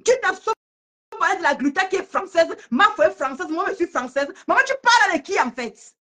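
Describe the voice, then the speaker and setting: A woman ranting casually on a live stream about an online feud, mocking and laughing loudly, talking fast in bursts. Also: extremely high pitch, lively intonation.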